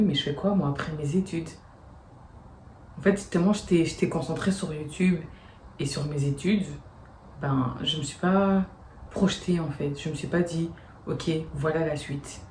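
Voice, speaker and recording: A woman's voice: sits low, dark tone, slight background noise. A woman, chatting casually to camera about her day in a slangy, storytelling way. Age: late 20s. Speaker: vlogger and university student. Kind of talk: casual vlog talk to camera. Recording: roomy echo.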